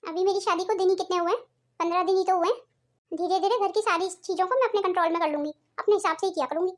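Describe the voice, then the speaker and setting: A woman's voice: very high voice, fast. A woman doing a sulky headstrong young bride. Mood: grumbling. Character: young newlywed daughter-in-law, lazy and headstrong.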